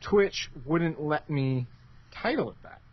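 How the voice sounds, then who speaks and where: A man's voice: a little high, lively intonation, takes it slowly, background noise. A man co-hosting a casual gaming podcast, rambling with a wry, offhand manner. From United States. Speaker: podcast co-host. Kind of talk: casual chat. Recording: dull lo-fi podcast mic.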